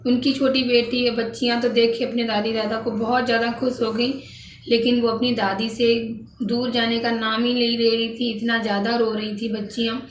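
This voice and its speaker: A woman vlogger narrating family gossip in a casual, chatty way to her viewers, often saying "guys" and restarting her sentences. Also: on the high side. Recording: echoey room, distant mic, faint background noise.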